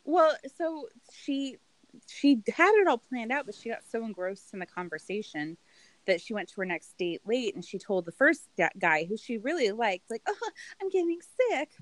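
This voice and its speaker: A woman co-hosting a casual chat, recapping a TV show in an animated, giggly way with some swearing. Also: mid-range voice, normal speed, no echo. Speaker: podcast co-host.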